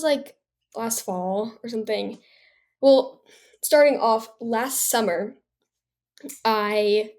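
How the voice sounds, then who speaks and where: Bubbly young woman, slightly high voice. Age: young adult. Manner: bright and bubbly, chatty with many fillers. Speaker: guest. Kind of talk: casual interview storytelling.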